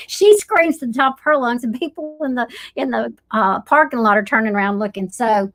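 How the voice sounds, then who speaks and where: Southern lady, middle-aged, fairly high voice, tells funny prank stories and does everyone's lines. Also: normal speed, slight background noise. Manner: lively prankster storyteller who acts out other people's lines. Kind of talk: casual chat on a live stream.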